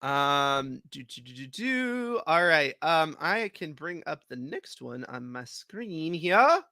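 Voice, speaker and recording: A man hosting a live event, reading stories aloud in a lively, expressive way. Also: a little high, takes it slowly, no room sound. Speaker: host.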